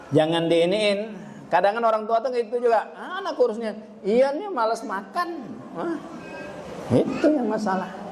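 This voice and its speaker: A man's voice: a little high, a little mellow, a little hiss or hum. A middle-aged man, a religious teacher giving a parenting lecture at a study gathering. He keeps turning to the audience and acts out what parents and children say.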